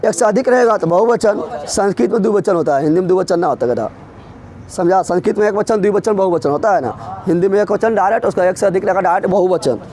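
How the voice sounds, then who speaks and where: A man leads an exam-prep grammar lesson in a high-pitched voice. He drills students with constant rhetorical questions, answering them himself and teasing the class as he goes. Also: lively intonation, fast, darkish tone. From Bihar. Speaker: teacher.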